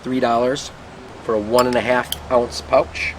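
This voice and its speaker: A man giving a casual, unhurried review to camera outdoors, musing and trailing off as he puffs on a pipe. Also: medium pitch, flat delivery. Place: outdoors in the wind. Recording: noisy outdoor recording with wind and traffic.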